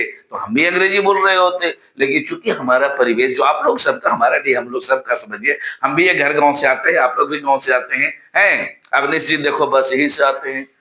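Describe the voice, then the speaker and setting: A man from Bihar teaching a spoken English lesson to students, often calling them children and repeating drill phrases slowly. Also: fairly high pitch, sharp tone, echoey room. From Bihar, India.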